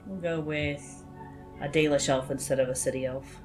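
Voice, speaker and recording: A woman chatting casually as she plays a video game, talking to herself with sudden high exclamations. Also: fairly even intonation, normal speed, a little mellow, soft background music. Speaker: gaming host.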